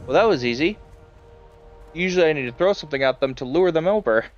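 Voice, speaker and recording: A man's voice: fairly high pitch, lively intonation, fast, lo-fi sound, soft background music. A man streaming a game, chatting casually and rambling with lots of fillers and chuckles. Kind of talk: casual live-stream chat while playing.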